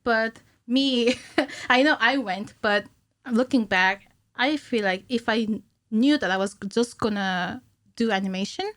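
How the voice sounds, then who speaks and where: In a small indoor podcast studio, a close studio mic on a stand records an animator in her thirties dry. Her voice is a little high and a bit bright, at a measured pace, as she giggles and explains things casually as an interview guest.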